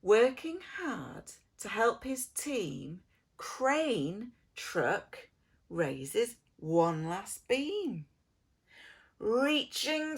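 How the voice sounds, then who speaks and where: A woman with a fairly high pitch tells a children's picture book story in the manner of an expressive preschool storyteller. Her delivery is theatrical, with drawn-out words and hushed, gentle moments.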